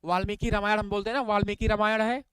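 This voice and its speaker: A man's voice: high-pitched, little pitch movement, fast, fairly bright tone, smooth, dry recording. A man teaching an online exam-prep class, reading out spelling questions and options, often asking "what is it?" and praising viewers by name. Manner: repetitive questioning, addresses viewers as bhaiya.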